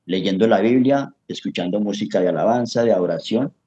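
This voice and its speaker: A man's voice: fairly low pitch, brisk, mellow, lo-fi sound. A middle-aged Colombian man with a Colombian accent, giving an earnest, preachy personal testimony in an interview and often calling the host brother. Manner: earnest, preachy, calls the host papi and hermano. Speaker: interview guest. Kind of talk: emotional testimony in casual chat.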